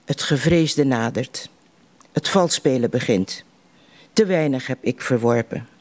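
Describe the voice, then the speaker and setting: A man reciting poems in a slow, measured way, with deliberate pauses between lines. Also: mid-range voice. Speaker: poetry reciter at a literary evening.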